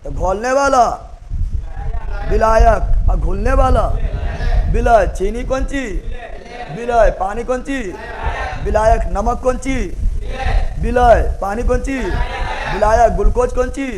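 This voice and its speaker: A man's voice: very high-pitched, slow, long pauses, noisy background. A man teaching a chemistry class, repeating key words and quizzing students in colloquial Hindi with joking asides. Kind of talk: classroom lecture with call-and-response questions. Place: classroom, also streamed online.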